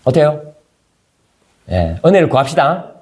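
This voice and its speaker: A man's voice: a little high, very animated, unhurried, darkish tone. A male pastor preaching a conversational sermon, firing rhetorical questions at his congregation.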